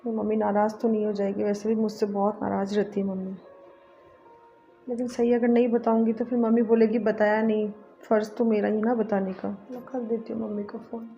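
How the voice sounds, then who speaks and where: A woman playing a gentle, hurt young bride. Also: medium pitch, flat delivery, a little fast, natural voice. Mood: hesitant. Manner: soft-spoken and pleading. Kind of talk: amateur family short-film acting. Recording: dull lo-fi audio, soft music.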